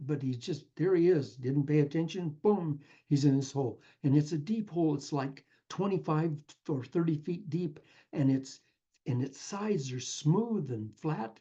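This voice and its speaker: A man's voice: fairly high pitch, warm tone, slightly rough, lo-fi sound. A man giving an earnest inspirational talk, telling a parable and calling the listener his friend. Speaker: spiritual speaker.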